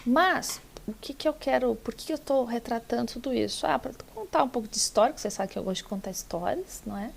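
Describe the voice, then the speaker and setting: A middle-aged woman law lecturer telling a courtroom anecdote in a casual, animated way, acting out the people she quotes. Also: a little high, fast, creaky, hardly any pauses, a little hiss or hum. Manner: animated storytelling, acts out quoted voices.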